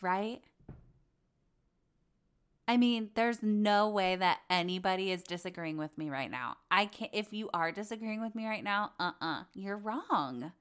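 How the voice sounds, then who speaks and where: A young adult woman hosting a casual chat show, gossipy and opinionated, slipping into quick mocking impressions. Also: mid-range voice, fairly bright tone. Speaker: podcast host recapping reality TV.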